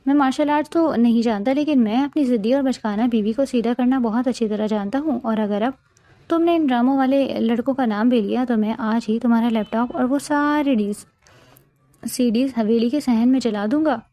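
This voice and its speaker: A woman's voice: fairly high pitch, dark tone, no echo, lightly acted. A woman voicing a possessive, teasing young Pathan husband in a storybook romance, with an intense, playful manner.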